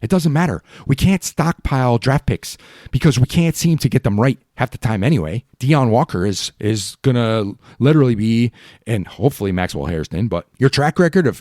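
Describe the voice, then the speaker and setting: A man's voice: fairly low pitch, darkish tone, no room sound, clean studio sound. A man hosting a fan sports podcast, ranting in a heated, exasperated, pleading way. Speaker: podcast host.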